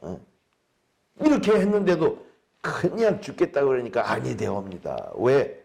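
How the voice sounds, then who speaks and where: A man's voice: mid-range voice, very animated, measured pace, creaky, darkish tone. A male pastor preaching a sermon in an emphatic way, asking the congregation rhetorical questions.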